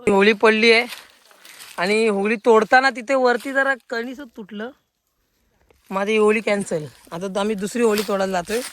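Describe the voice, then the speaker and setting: A man with a Konkan Marathi accent, filming a casual outdoor vlog on a phone and excitedly calling out to friends. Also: high voice, moderate pace. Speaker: vlogger. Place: outdoors in a village field. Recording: crowd noise outdoors. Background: crowd of villagers.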